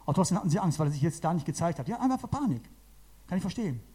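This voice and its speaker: A man preaching to a gathering of about forty people, his voice mellow and warm yet a touch high. He talks with lively emphasis, circling back to repeat key phrases. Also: very fast, slightly rough. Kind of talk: sermon to a congregation.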